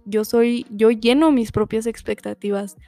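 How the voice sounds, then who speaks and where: A young Mexican woman muses aloud on her solo podcast, chatty and reflective, full of little fillers and asides. Her voice sits fairly high yet sounds mellow and soft-edged. The recording is dry and close to the mic. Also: fairly even intonation, a little slow, no room sound, soft background music. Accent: Mexican Spanish. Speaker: podcast host.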